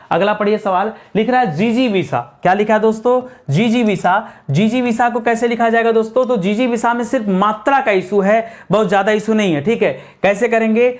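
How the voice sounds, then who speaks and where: A man teaching an exam-prep grammar lesson who keeps asking the class questions and answering them himself, spelling words out slowly. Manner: spells out words slowly, drops low to close each point.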